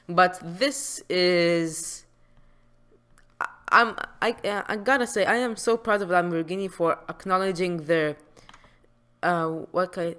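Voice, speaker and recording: A woman's voice: lowish voice, a bit bright. A woman hosting a casual tech news podcast, chatty and informal, often stumbling and restarting her sentences. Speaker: podcast host.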